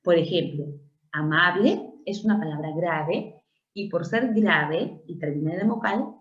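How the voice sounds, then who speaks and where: Woman teacher, lowish voice, patient step-by-step grammar explanation, echoey room. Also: unhurried. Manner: patient, checks understanding with frequent tag questions. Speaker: language teacher. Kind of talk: classroom grammar lesson. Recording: roomy, dull lo-fi recording.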